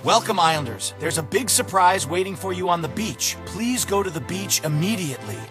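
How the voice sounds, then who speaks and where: A man's voice: high-pitched, expressive, a little fast, over music. A man voicing flirty fruit guy Brian. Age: 20s.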